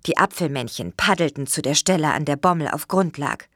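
A woman reading a children's storybook aloud in a gentle, expressive way. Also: low-pitched, fairly quick, no echo, clean studio sound. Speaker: narrator.

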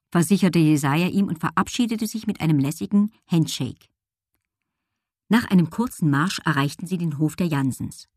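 A woman narrating a children's story aloud, with a lively storytelling manner. Her voice is low-set and slightly husky, read close to a dry microphone. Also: no echo. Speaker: audiobook reader. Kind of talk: scripted narration.

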